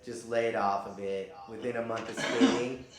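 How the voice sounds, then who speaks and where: A man's voice: mid-range voice, fairly even intonation, normal speed. A man in his fifties, a pro skateboarder telling injury stories in an interview, laid-back and casual, swearing here and there. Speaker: professional skateboarder. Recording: very echoey room.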